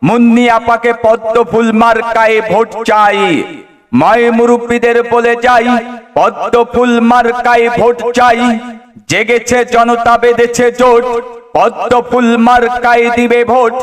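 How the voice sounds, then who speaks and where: A man chants rhymed campaign slogans through a PA loudspeaker, his voice pitched very high and held almost level. The sound rings with echo and comes from some way off the mic. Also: flat delivery, measured pace. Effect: over a PA loudspeaker. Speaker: election campaign announcer. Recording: echoey loudspeaker sound from a distance.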